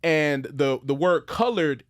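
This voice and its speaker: Male host, slightly high voice, loose slangy delivery, casual podcast. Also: lively intonation, slow pace. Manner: loose, slangy, rambling restarts.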